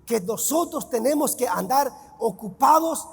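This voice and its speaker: Emphatic high-voiced pastor preaching. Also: male voice, expressive, unhurried, gravelly, breathy edge, big-room sound. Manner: emphatic, shouts key words, quizzes the congregation. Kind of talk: sermon. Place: church.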